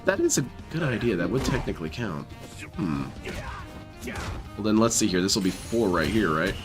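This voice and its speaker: A man's voice: fairly low pitch, very animated, moderate pace. A man livestreaming casual, teasing game commentary in an affected, silly clown-like voice. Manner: mocking, teasing. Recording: music playing behind voice. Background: music.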